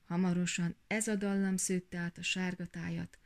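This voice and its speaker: A woman reading a fairy tale aloud in a gentle, even storytelling manner. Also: on the low side.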